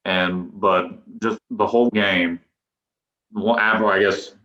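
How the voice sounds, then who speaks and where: Young guy, low punchy voice, rambling podcast guest, kinda muffled echoey recording. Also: fairly even intonation, slow pace, sharp tone. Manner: rambling, loose, with restarts and chuckles. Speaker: guest, professional baseball pitcher. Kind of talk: casual podcast interview. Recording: echoey room, dull lo-fi sound.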